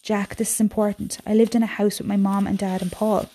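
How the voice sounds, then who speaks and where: A woman's voice: medium pitch, level tone, a little fast, dark tone, close to an everyday voice. A woman reading the part of a weary, tender young mother, speaking in an earnest, patient way.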